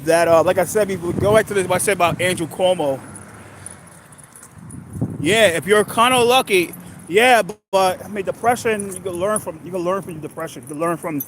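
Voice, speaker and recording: A man in his thirties from New York, talking in a rambling, halting monologue full of restarts. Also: high voice, fairly bright tone, a little hiss or hum, rough recording. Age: 30s. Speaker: livestream host.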